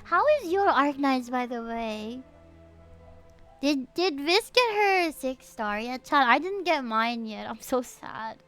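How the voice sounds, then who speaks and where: This Filipino VTuber game streamer and host talks casually with viewers over music, bubbly and gushing, thanking and greeting them again and again. Her voice is high and a bit bright, with lively intonation, and she takes her time speaking.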